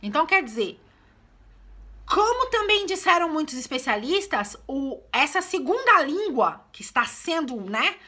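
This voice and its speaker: Mom talking to her viewers, high bright voice, lots of né and gente. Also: very animated, measured pace. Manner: chatty, explaining, often addresses viewers with "né" and "gente". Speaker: vlogger, mother of two. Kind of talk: casual talk to camera.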